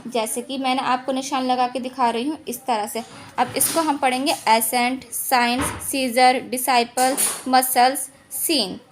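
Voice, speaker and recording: A woman's voice: high voice, steady tone, unhurried, a little hiss or hum. A woman teaching English silent letters in an online lesson, patiently repeating each rule and asking herself questions before answering them.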